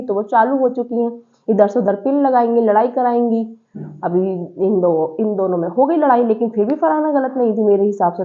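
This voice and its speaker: Animated woman gossip commentator with a higher voice on a tinny phone-like line, recapping and acting out quotes. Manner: animated, acts out quoted lines. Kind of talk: casual reality-show recap.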